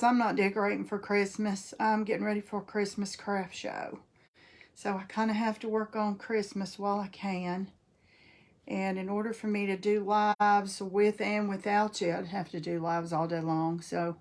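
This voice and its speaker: A woman with a warm North Carolina Southern accent talks through a live craft demonstration at mid pitch. She is chatty and folksy, breaking off to greet viewers by name. Her talk is relaxed and conversational. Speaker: craft host.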